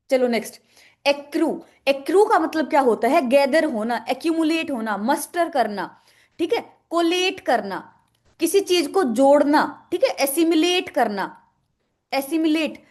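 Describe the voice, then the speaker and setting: A woman teaching English vocabulary, asking questions and answering them herself, repeating each word. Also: high-pitched. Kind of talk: explaining in a lesson with memory tricks.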